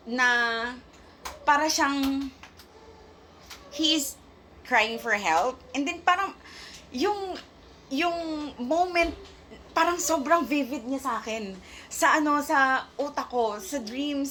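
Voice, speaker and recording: A high-pitched woman tells her viewers about her faith in an emotional, halting way, searching for words and switching between languages. She sounds near tears and shaky at times. A faint hiss of noise sits behind her voice. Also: bright, forceful tone. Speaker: vlogger sharing a faith testimony. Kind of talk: emotional casual testimony to viewers.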